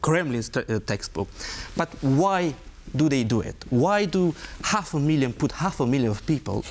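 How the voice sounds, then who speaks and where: A man's voice: medium pitch, expressive, normal speed. Emphatic male guest. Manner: emphatic, pointed, rhetorical questions. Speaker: guest, former diplomat. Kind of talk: interview answers.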